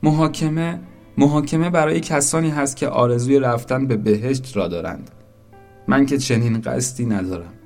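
A man voicing Little Zoraq, a small, stubborn soul who pleads loudly and insistently. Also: mid-range voice, faint music behind, voice pushed up, natural voice. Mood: surprised.

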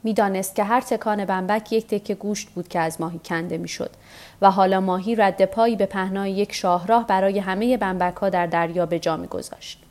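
A woman narrating a novel for a nightly story podcast in a calm, measured reading. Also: mid-range voice. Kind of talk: scripted narration of a translated novel.

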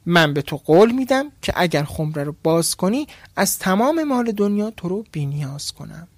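A man's voice: high-pitched, very animated, no echo, exaggerated voice. A man voicing a huge boastful male demon from a jar, threatening and angry, later pleading.

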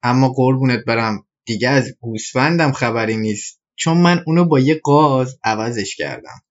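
A meek, apologetic village husband from a storybook, as a woman reads him in a lowered voice. He sounds sheepish and a little distant. The recording is slightly muffled. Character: simple-hearted village husband Hans, middle-aged man.

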